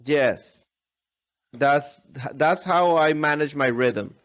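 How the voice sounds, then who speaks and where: A man's voice: on the high side, takes it slowly, fairly bright tone. A man chatting casually as a podcast guest in non-native English, often repeating words and restarting his phrases. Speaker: podcast guest, airsoft video creator. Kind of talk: casual interview chat.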